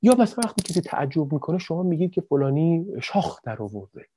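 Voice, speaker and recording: Animated man lecturing, mellow voice. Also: a little high, slight background noise. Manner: animated, addresses listeners directly with many examples; frequent fillers and self-corrections. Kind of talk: explanatory talk on language and emotion.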